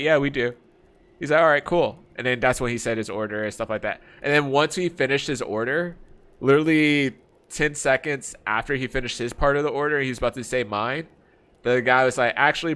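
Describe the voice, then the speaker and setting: With a clear, resonant, mid-range voice, a man streaming a let's play recounts an anecdote in easygoing slang. He laughs frequently, acts out his friends' lines, and calls people bro and man.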